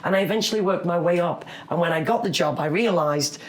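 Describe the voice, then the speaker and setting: A man's voice: high-pitched, fast talker. Upbeat, cheerful man working as cruise director. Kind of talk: upbeat interview chat.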